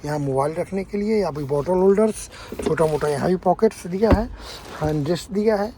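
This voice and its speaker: A man's voice: sits high, a little fast. Man running a noisy car walkaround. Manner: lists features, checks in with tag questions. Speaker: car reviewer. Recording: noisy on-location recording.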